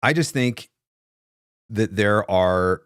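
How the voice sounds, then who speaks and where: On the low side and expressive, this man in his forties talks slowly and smoothly as he answers comments on his livestream. He's a voice-over marketing coach giving casual, emphatic advice close to a desk microphone in a small home studio, with no echo.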